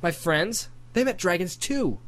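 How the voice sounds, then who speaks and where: A man's voice: high-pitched, animated, a little slow, fairly bright tone, pitched above the performer's own voice. A man voicing a curious, timid boy. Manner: hopeful, inquisitive. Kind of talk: amateur audiobook character voice.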